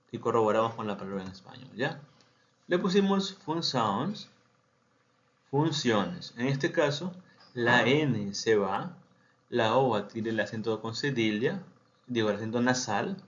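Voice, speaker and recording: A man teaching Portuguese grammar, saying example sentences slowly and explaining with frequent check-ins to his students. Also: medium pitch. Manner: slow model sentences, then quick explanations with frequent "¿de acuerdo?". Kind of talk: language lesson. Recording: dull lo-fi sound.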